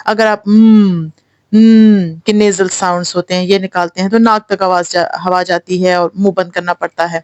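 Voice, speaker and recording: A woman gives a patient, step-by-step English pronunciation lesson, sounding out each vowel and consonant herself. Her voice sits at a middle pitch. The recording is dry and close, with no room sound. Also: steady tone, hardly any pauses, darkish tone, clear, resonant tone, no room sound, lo-fi sound. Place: home in Thailand.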